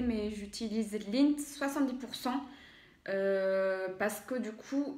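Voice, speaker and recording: A home cook demonstrates a recipe in a casual tutorial at home, chatty and hesitant, full of fillers and self-corrections. Her voice is a little high and the room is reverberant.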